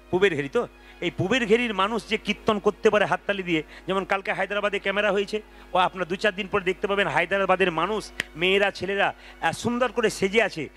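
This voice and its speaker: A man preaching between devotional kirtan songs, energetic and urging the crowd to chant along. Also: high voice. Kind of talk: devotional kirtan with spoken sermon and call-and-response chanting. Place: large outdoor devotional gathering with crowd. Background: folk music with tabla.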